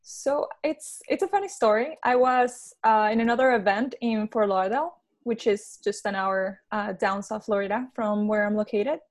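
A woman's voice: mid-range voice, normal speed, hardly any pauses. A woman from Venezuela, answering interview questions in a friendly way with frequent hesitations. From Venezuela, raised in Peru. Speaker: guest.

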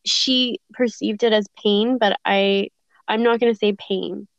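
Interview guest: woman, unhurried and hesitant, clean smooth voice, dull lo-fi recording. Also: medium pitch, fairly even intonation, no room sound. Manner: reflective, hesitant, many fillers and restarts. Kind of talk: podcast interview, recounting a personal story.

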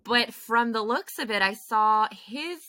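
Woman, podcast co-host, bright tense voice, close dry sound, opinionated, expressive. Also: a little high, a little slow, no echo. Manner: expressive, opinionated, self-correcting. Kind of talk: casual chat.

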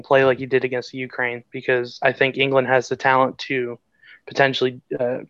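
A man's voice: mid-range voice, a bit bright, smooth, no room sound, highs cut off. A man co-hosting a podcast, laying out his football analysis in a confident, explanatory way. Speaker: podcast co-host. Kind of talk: casual sports analysis.

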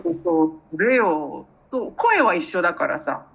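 A woman's voice: on the low side, sing-song, moderate pace, vocal fry, husky. A woman co-hosting a casual chat podcast, speaking, giggly and self-deprecating. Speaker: podcast co-host.

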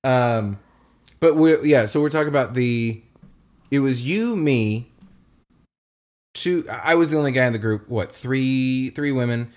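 A young man co-hosting a casual chat, telling a story with lively acted-out quotes. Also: unhurried, pauses often. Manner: animated storyteller, acts out quotes in a high voice. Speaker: podcast co-host.

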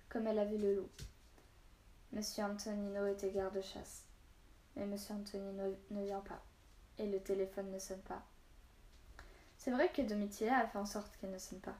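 A woman reads a story aloud with steady, expressive narration, briefly voicing the characters in dialogue. Her voice sits at a middle pitch. The sound carries a roomy echo. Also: moderate pace, pauses often. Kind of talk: reading a children's novel aloud.

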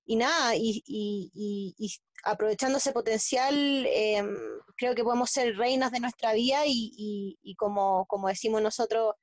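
A Chilean woman speaking as an interview guest, in a halting way with many restarts and fillers. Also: on the high side, steady tone, no echo. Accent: Chilean Spanish. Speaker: guest athlete. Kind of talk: casual interview talk.

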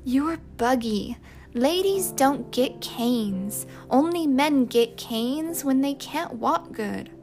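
A woman's voice: high-pitched, lively intonation, takes it slowly, darkish tone, faint music behind, full character voice. A woman voicing a shrewd, teasing five-year-old girl in a storybook reading, with a sing-song lilt. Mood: taunting.

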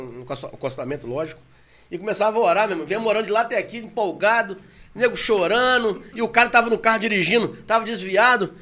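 A man with a Brazilian Portuguese accent telling his story in a casual, animated chat, often laughing as he talks. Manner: animated, laughing, gets louder and higher when excited.

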